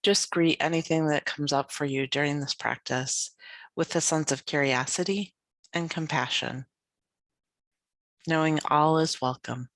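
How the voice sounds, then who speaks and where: In a dry recording, a low-pitched woman with a steady tone leads guided yoga nidra as a teacher. Her soothing, gentle delivery unfolds in slow phrases separated by long pauses.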